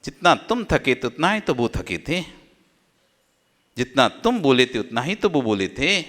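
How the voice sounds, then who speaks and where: A man giving a Jain sermon, repeating phrases and swinging from loud exhortation to hushed low asides. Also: very animated, a little slow. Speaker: Jain monk preacher. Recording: long reverb of a hall.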